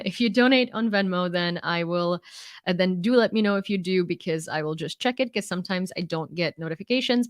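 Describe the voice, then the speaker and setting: Studio-quality audio with no room sound captures a fairly bright, medium-pitched female voice. She is a young Ukrainian live-stream host with an American accent who reads out news chattily, using many fillers and laughing often.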